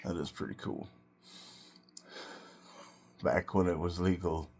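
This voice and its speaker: A man talking casually and reflectively in a solo vlog, in short, halting phrases. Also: low voice, fairly even intonation, darkish tone, breathy edge. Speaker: vlogger and self-employed car restorer.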